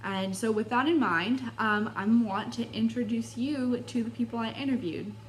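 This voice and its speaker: A woman's voice: on the high side, normal speed, slight background noise. A woman student interviewer narrating her project in an earnest, reflective way, often saying "like". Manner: thoughtful, uses fillers like "like".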